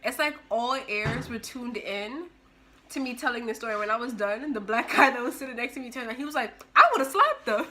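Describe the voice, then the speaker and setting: A young woman vlogger telling a story in an animated, expressive way, acting out the scene as she goes. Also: on the high side, a little fast. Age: young adult. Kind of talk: storytime vlog.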